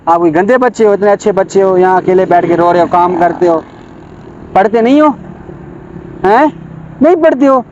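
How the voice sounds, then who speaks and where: A man talks gently and coaxingly outdoors, repeating his questions. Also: high voice, normal speed, pauses often, lo-fi sound, slight background noise. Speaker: passerby filming. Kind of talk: casual street talk.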